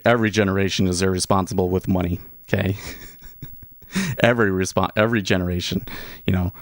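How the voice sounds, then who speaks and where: A man in his thirties, a day trader hosting a livestream, chats casually with his viewers in a rambling way, often restarting sentences and going off on asides. His voice is fairly low, and the recording is dry and close with no room echo.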